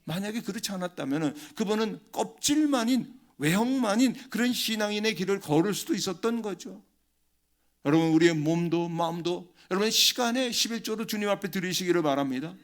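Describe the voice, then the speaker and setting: An older man preaching a sermon as a pastor, telling a family story with emphatic swings in pitch and loudness and acting out the dialogue. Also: lively intonation, brisk. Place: church sanctuary.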